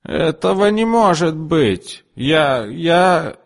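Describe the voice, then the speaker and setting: Brief: a man doing a shrill, imperious heavyset matron for an audiobook, pitched way up, swinging wildly, in a long-reverb room. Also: very animated, slow pace, heavily acted. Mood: indignant. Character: bossy heavyset older woman customer, imperious. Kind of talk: audiobook character voice.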